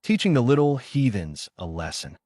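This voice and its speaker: A man's voice: medium pitch, sing-song, normal speed, darkish tone, dry recording, clean studio sound. A man reading the lines of an aloof teenage boy ninja who speaks curtly and with scorn. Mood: calm.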